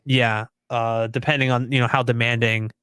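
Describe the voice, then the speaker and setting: A man's voice: mid-range voice, little pitch movement, normal speed, bright, forceful tone, clear, resonant tone, no echo. A young man co-hosting a podcast live stream, chatting casually in an easygoing, rambling, self-deprecating way. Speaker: podcast co-host.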